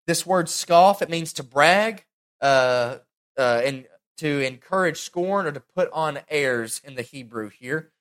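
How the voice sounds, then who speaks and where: A young man preaching a sermon, earnest and animated, acting out the quotes he reads. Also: a little high, slow, smooth. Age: young adult. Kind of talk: sermon, Bible teaching.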